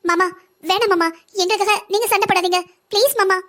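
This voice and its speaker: A man voicing an anxious, pleading young wife in a cartoon family drama, with a strained falsetto. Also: a little fast, sharp tone.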